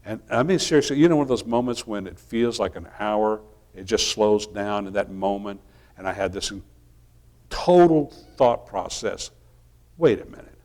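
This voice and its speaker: A middle-aged male minister telling a personal story in a relaxed, folksy sermon style, often restarting his sentences. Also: fairly low pitch, brisk.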